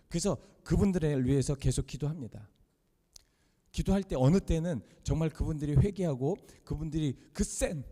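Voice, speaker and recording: A man's voice: mid-range voice, dark tone, long reverb tail. A man preaching as pastor in a church sanctuary, emphatic, repeating key phrases and asking rhetorical questions. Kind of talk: sermon.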